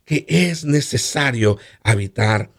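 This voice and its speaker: A man's voice: medium pitch, animated, slow. A man preaching about marriage, asking rhetorical questions and quoting scripture. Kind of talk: sermon-style teaching on marriage.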